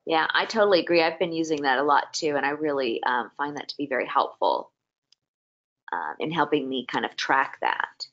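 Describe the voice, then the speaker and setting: Woman moderator, agreeable and brief, lower voice, muffled call sound. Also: animated, brisk, fairly bright tone. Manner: agreeable, brief, inviting others to speak. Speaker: workshop moderator. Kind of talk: moderating an online faculty workshop. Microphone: video call.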